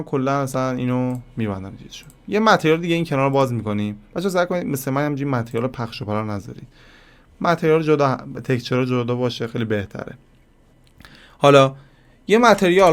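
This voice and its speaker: A man with a plain, mid-range voice teaches a software lesson over a screen recording. He talks casually, calls his viewers kids, and thinks out loud as he clicks, pausing to find simple ways to explain things. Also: mid-range voice. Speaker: software tutorial instructor.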